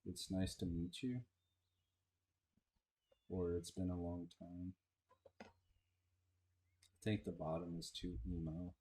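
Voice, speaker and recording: A man's voice: low voice, fairly even intonation, slow pace, pauses often, dark tone. A man co-hosting a let's play with his spouse, chatting casually, teasing and swearing. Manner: laid-back, swearing and teasing. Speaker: co-host, spouse of the host. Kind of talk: casual gameplay chat.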